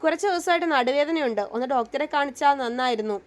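Woman voicing a soft motherly mother-in-law, high voice. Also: quick pace, lightly acted. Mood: gentle. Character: kind middle-aged mother-in-law, gentle.

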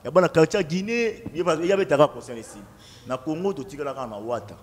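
A man chatting excitedly as a guest on a studio talk show, rapid and animated, repeating himself and mixing French with Lingala. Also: on the high side, in a large hall.

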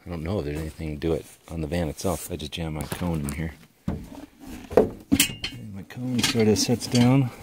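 Standing beside his van in a mountaintop parking lot, a low-pitched male vlogger rambles through a relaxed tour, peppering it with "uh." He talks into a handheld action camera, and the outdoor audio picks up clear background noise.

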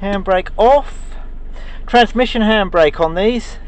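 A man's voice: high voice, slow, clear, resonant tone. A man in his forties giving dry, understated commentary while testing an old car, filmed on a handheld camera inside and around the vehicle. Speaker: vlogger. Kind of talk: casual running commentary. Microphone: handheld action camera. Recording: faint engine idle behind.

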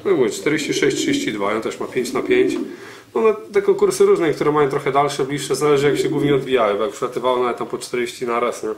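A pigeon breeder in his thirties presents his birds at a table in an indoor room, talking casually and choppily and often ending phrases with a question. His mid-range voice is expressive and quick. A camera mic a few steps away catches roomy echo and cooing birds.

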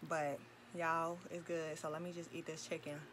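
A woman's voice: low-pitched, level tone, moderate pace, background noise. A young woman chatting casually to her viewers while she cooks and eats at home, filmed by a camera set a little way off in a small kitchen. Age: young adult. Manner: chatty, talks straight to viewers. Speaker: vlogger. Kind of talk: casual cooking vlog.

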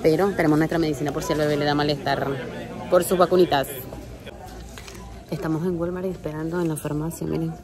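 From the pharmacy area of a store, a family vlogger chats playfully to camera, addressing her viewers directly. Her low, steady voice is fairly quick, with crowd noise and background music around her.

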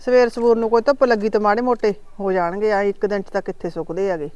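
A woman's voice: medium pitch, steady tone, fast, darkish tone, dry recording, highs cut off, close to an everyday voice. A woman playing a worried middle-aged mother who frets and scolds in homely village talk. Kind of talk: village family drama acting.

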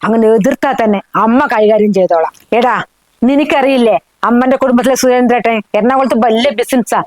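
A middle-aged woman playing a scheming, sharp-tongued mother who nags and insults in a short film drama. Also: medium pitch, no echo, lightly acted, low-quality recording. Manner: scornful, nagging, insulting. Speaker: mother-in-law.

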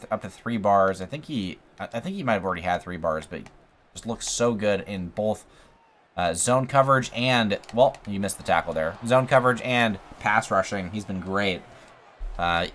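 Guy with a lowish voice doing play-by-play on his football game, bit hoarse, perks up on big plays. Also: a little hiss or hum. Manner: excited, rises in pitch on big plays. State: slightly losing his voice. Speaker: gaming YouTuber. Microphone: USB condenser mic.

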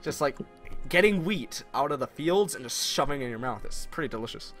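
Playing a multiplayer strategy game, a young man with a Canadian accent jokes around with his teammate and cracks himself up. His mid-range voice is expressive, brisk and fairly bright, and soft game music plays behind the casual chat.

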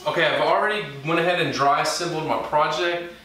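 A man, a woodworking channel host, giving relaxed, plain-spoken how-to narration with small self-corrections. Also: fairly high pitch, fairly quick. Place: home garage workshop. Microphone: camera mic from across the room. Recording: very echoey garage, distant mic, faint hiss.

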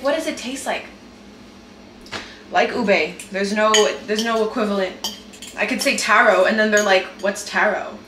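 A young woman talking casually to her camera while making breakfast at home, full of "like" fillers. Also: medium pitch. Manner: chatty, lots of "like" fillers. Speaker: vlogger. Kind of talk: casual vlog chat. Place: home kitchen. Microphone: handheld camera mic. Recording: echoey room with faint noise.

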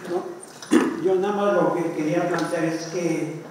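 Male audience commenter, high and slow, pausing between phrases, in a noisy, heavily echoing room. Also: steady tone. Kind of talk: comment from the floor at a lecture. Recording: distant, very echoey room with clear noise.

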